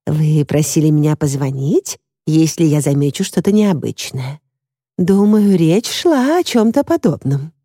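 A woman's voice: low voice, very animated, measured pace, warm tone, breathy edge, no room sound, studio quality, exaggerated voice. A woman reading the lines of a nosy, disapproving woman neighbour in an audiobook. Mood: confiding.

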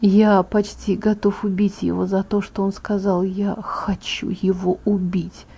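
Woman reading a young male vampire, hushed murmur, gentle, protective, mellow tone, dull recording. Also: little pitch movement, normal speed, gravelly, slightly rough. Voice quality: soft, hushed. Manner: low murmur, gentle and restrained. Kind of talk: audiobook character voice. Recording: dull lo-fi audiobook MP3.

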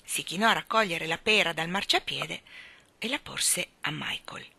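Animated woman reading a storybook. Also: on the low side, normal speed, gravelly, breathy edge, no echo. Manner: expressive and animated. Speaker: reader.

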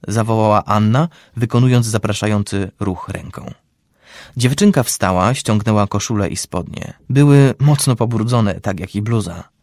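Male narrator, lowish pitch, steady audiobook delivery, dry booth-like sound. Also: no room sound. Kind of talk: audiobook-style story reading.

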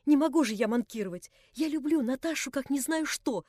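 A woman voicing an excitable, remorseful young nobleman who pleads and gushes breathlessly. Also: high voice, a little fast, dry recording, clean studio sound, voice pushed up. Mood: pleading.

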